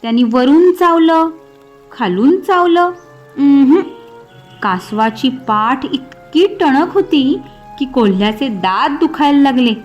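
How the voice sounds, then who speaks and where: A woman narrating a children's story in a lively, expressive way. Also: high-pitched, takes it slowly, lo-fi sound. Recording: soft background music.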